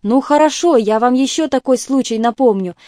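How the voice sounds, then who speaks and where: Woman voicing an insistent, tipsy officer; loud, higher register, dry close sound. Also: moderate pace, dry recording, lightly acted. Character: tipsy, excitable male officer at a feast.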